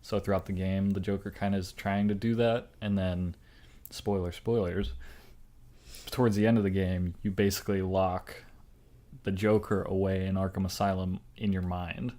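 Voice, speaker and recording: A young man with a fairly low voice talks casually as a podcast co-host. He rambles through his stories and keeps circling back with fillers and restarts. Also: flat delivery, moderate pace, mellow. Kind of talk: casual chat.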